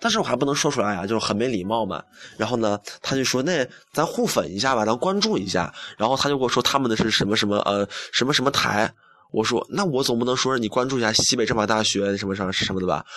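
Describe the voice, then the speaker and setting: A man's voice: lowish voice, racing, fairly bright tone. A young man hosting a campus radio show, telling a story in a chatty, self-mocking way and acting out the dialogue. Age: young adult. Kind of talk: casual monologue.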